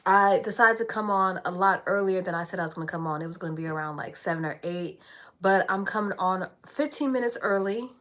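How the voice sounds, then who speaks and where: A woman in her thirties hosting a casual live stream, greeting viewers, reading out their comments and clearing her throat often. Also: medium pitch, fairly quick, a bit bright. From California. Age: 30s.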